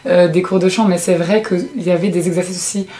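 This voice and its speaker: A woman's voice: on the low side, steady tone, a little fast, warm tone. A woman interviewing a guest, listening attentively and adding short agreements and comments. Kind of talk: interview conversation.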